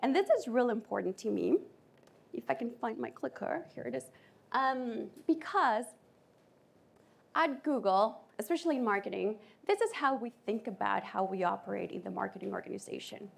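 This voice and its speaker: Colombian-accented woman giving a lively talk. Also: a little high, moderate pace, vocal fry, husky. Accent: Colombian Spanish. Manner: lively, audience-engaging presenter. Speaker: conference speaker. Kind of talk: conference talk.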